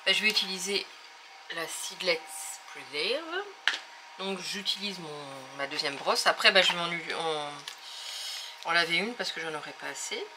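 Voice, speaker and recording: A woman's voice: on the low side, expressive, measured pace, noisy background. A woman hosting a casual craft tutorial, talking hesitantly with many fillers as she thinks aloud while working.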